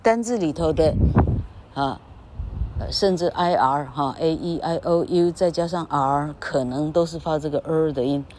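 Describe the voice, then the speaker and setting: Recorded beneath an elevated railway bridge with a little hiss or hum, this woman speaks in a low, darkish voice at an unhurried pace. She gives a casual lesson on English vowels in Taiwanese-accented Mandarin, stretching each vowel as she models it and ending phrases with a small "ha."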